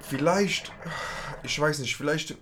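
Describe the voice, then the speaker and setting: A man's voice: a little high, slow pace, background noise. A young man hosting a casual chat, talking emphatically in street slang, his voice climbing when he gets worked up.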